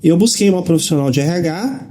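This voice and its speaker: Casual guy hosting a podcast chat, warm mellow voice, keeps asking "né?". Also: on the high side, fairly quick. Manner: relaxed, asks leading questions with many fillers. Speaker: host, financial educator.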